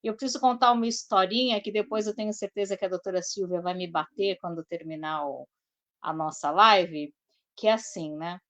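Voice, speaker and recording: A woman's voice: lowish voice, brisk, fairly bright tone, dry recording. A woman hosting a live talk show, telling a story in a chatty way full of asides and tag questions. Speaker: host.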